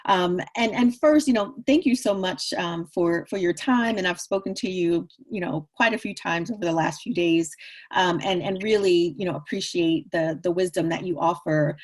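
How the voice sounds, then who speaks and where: A woman moderating a casual online interview in a gentle, attentive way, often repeating words as she feels out a question. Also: fairly low pitch, moderate pace.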